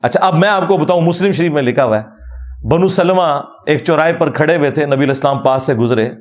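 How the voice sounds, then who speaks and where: A man giving a critical religious talk in a mocking, argumentative way. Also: on the high side. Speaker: religious speaker.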